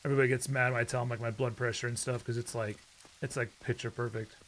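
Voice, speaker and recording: A man's voice: medium pitch, flat delivery, fast, a bit bright, a little hiss or hum. A man giving casual, rambling commentary while playing a game, often breaking into startled outbursts. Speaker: gaming YouTuber.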